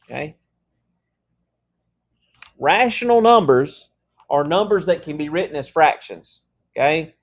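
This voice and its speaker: A man's voice: a little high, lively intonation, measured pace, long pauses. A man teaching a math class in a casual, conversational lecture, checking in often with his students. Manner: casual, talks through examples with frequent "okay?" checks.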